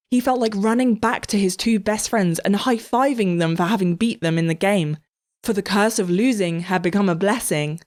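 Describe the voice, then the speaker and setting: Lower-voiced woman telling a comic story. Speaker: narrator. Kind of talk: scripted storybook narration.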